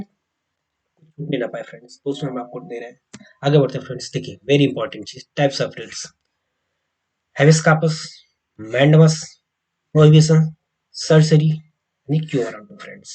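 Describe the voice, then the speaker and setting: An Indian man giving an exam coaching lecture, mixing Hindi with slowly read English legal text and often repeating key points to the viewers. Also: on the high side, mellow, husky, rough recording. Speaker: teacher.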